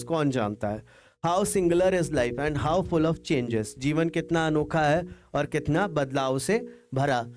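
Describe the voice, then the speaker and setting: A man teaching an English lesson, reading each English line slowly and then explaining it in Hindi. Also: high voice. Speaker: English tutor.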